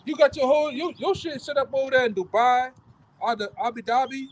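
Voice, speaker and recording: High-voiced forceful street preacher. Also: male voice, fairly even intonation, fairly quick, low-quality recording. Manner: forceful, repetitive, profane, ends phrases with "man". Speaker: street preacher leading the camp.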